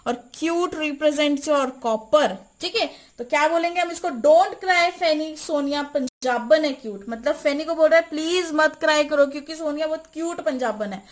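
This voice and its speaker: A woman teaching a chemistry lecture, repeating mnemonics and quizzing the listener. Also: high-pitched. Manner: repeats and quizzes the listener, slow deliberate spelling-out.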